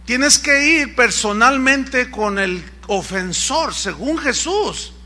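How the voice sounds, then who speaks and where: Bright, high-voiced preaching pastor. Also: male voice, lively intonation, takes it slowly. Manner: emphatic, acts out congregants in quoted voices. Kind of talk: sermon.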